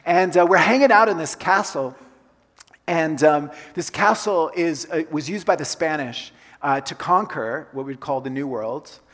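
Pastor, male, raised in Colombia; slightly higher voice, casual sermon delivery, long church reverb. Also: measured pace, a bit bright. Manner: conversational, repeats key phrases for emphasis. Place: church sanctuary.

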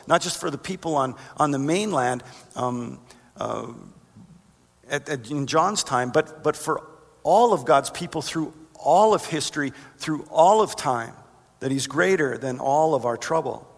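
A man preaching a sermon as pastor, earnest, reading verses and climbing higher for emphasis. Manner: earnest, rises in pitch for emphasis. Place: church sanctuary. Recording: long reverb of a large hall.

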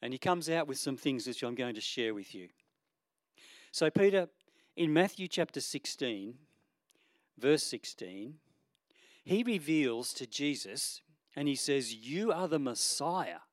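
A man preaching a sermon in an earnest, conversational way. He often pauses on ums and restarts, and he rises and falls in volume for emphasis. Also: mid-range voice, animated, dry recording, studio quality.

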